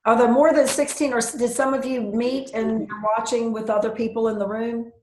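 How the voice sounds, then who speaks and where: A woman's voice: fairly high pitch, level tone, a little fast, darkish tone. Woman lecturing over an echoey video call. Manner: casual, with frequent ums and self-corrections. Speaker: university professor. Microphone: video call computer mic.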